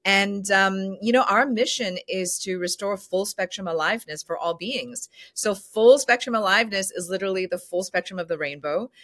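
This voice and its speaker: A woman's voice: mid-range voice, fairly bright tone. A woman speaking as a podcast guest, explaining in an earnest, emphatic conversational way and often stringing words into lists. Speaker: podcast guest, company founder.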